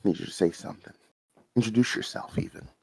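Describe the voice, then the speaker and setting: A man's voice: fairly low pitch, quick pace, husky, no echo, poor audio. A man narrating a tabletop role-playing game as game master, describing scenes in a loose, chatty way.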